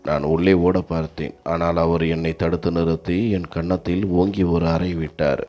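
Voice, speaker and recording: Deep-voiced man narrating a story. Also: little pitch movement, moderate pace, mellow. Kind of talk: scripted first-person story narration.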